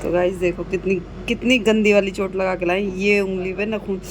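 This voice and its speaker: Cooking at home, a woman with a Hindi accent vlogs casually and chats with her audience, addressing them as "guys." Her mid-range voice is steady and runs at normal speed, captured on a phone camera with plenty of background noise.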